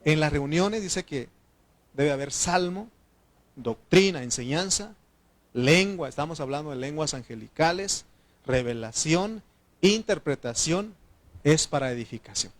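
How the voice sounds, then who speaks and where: A man with a Mexican Spanish accent preaching a sermon as pastor, animated and shouting at times, calling his congregation "brothers" and asking them to answer "amen". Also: fairly high pitch, measured pace. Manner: addresses the congregation as brothers, asks yes or no.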